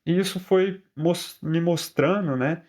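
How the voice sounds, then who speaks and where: A man's voice: on the high side, slow, darkish tone. A man with a Brazilian accent telling a personal story in a casual vlog, chatty with frequent tag questions and restarts. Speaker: vlogger.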